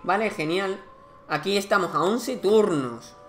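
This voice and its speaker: A man's voice: high-pitched, unhurried, soft background music. A man commenting casually on a strategy game, thinking aloud as he counts units and resources. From Spain. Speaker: gaming commentator. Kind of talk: casual let's-play commentary.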